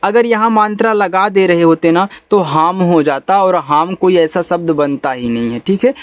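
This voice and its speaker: Guy teaching english spelling, high voice, slow and patient, dry close mic. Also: no echo. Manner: patient, spells letters out slowly and repeats "thik hai". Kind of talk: spelling lesson for beginners.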